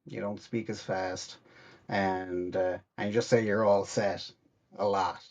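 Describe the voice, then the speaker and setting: An Irish-accented comedian in his thirties chats as a podcast guest, rambling with many restarts and acting out quoted voices. He speaks low and slow with little pitch movement, on a muffled recording.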